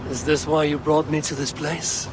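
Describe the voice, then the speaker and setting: A man's voice: on the high side, fairly even intonation, normal speed, music in the background, natural voice. An actor voicing a viking warrior man in a game, speaking plainly and directly, often asking questions.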